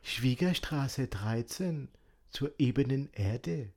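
A woman voicing a sly, scheming storybook wolf who talks slowly and coaxingly. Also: rumbling low, animated, darkish tone, voice pushed down, full character voice. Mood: deep. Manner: slow, coaxing, disguised. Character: sly male wolf, scheming and sweet-talking.

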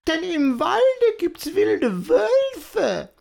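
A fussy storybook mother giving a warning in a very high, creaky voice, as a woman narrator puts her on. She stretches each word out slowly, and her pitch swings widely. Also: wildly swooping pitch, darkish tone, full character voice.

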